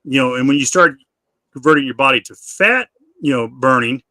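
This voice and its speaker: A man's voice: mid-range voice, expressive, a little fast, sharp tone, dry recording. A middle-aged man hosting a live Q&A, chatting casually and often repeating or restarting his words. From United States. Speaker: live stream host.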